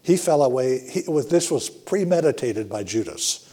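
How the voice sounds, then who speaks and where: A middle-aged man preaching a sermon to his congregation, earnest and emphatic with frequent pauses and restarts. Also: mid-range voice, big pitch swings, warm tone, breathy edge. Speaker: pastor.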